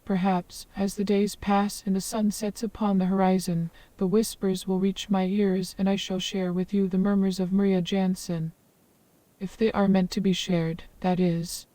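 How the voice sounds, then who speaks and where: A woman's voice: medium pitch, little pitch movement, normal speed, mellow, dry recording, far from the mic, close to an everyday voice. A synthetic woman's voice playing a wise old hermit woman of the forest who speaks in long, ornate, formal sentences. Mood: calm, flowery.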